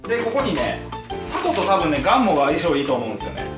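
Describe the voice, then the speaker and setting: Casting note: fast-talking young Kansai man, cocky and playful, roomy room with background music. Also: on the high side, big pitch swings. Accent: Kansai Japanese. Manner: playful, self-assured hyping of his own dish. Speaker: YouTuber. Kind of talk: casual cooking-challenge banter.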